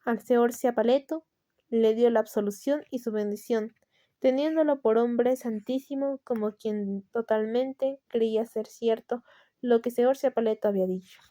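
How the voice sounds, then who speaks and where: Mellow-voiced Latin American woman narrating. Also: fairly high pitch, a little slow. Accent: Latin American Spanish. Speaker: audiobook narrator. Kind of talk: reading a classic tale aloud.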